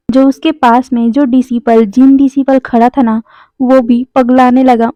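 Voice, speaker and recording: A woman's voice: high voice, no echo. A woman narrating a fanfiction story, reading out every character's lines and chatting to viewers in between. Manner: chatty, addresses viewers as guys. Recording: dry, thin phone-like sound.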